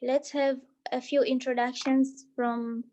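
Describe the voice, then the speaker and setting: A woman's voice: high-pitched, level tone, slow pace, warm tone, highs cut off. A woman from Tanzania, hosting an online meeting and welcoming people as they join the video call. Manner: reads out participants' chat greetings.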